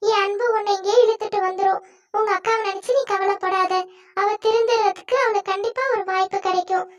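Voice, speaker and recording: Woman playing a gentle magic tree in a cartoon; soft, soothing, high voice. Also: fairly even intonation, brisk, far from the mic, highs cut off, faint music behind. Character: kindly magical fruit tree, gentle and caring.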